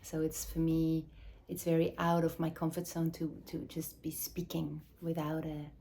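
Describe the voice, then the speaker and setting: Soft-spoken woman, low and flat. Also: creaky, slight background noise. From Switzerland. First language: Swiss German or Dutch. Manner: slow and searching, with pauses and restarts, drifting into soft whispers. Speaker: mother and movement teacher. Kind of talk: reflective spoken address to camera.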